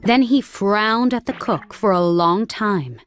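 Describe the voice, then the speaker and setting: A woman reading a children's storybook aloud in a clear, measured narration. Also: medium pitch, faint music behind.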